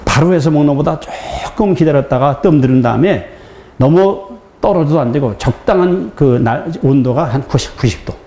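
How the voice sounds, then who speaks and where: A man preaching a sermon as a pastor, telling a story with lively acted-out dialogue and laughter. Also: fairly high pitch, normal speed. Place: church sanctuary. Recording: echoey church hall with faint noise.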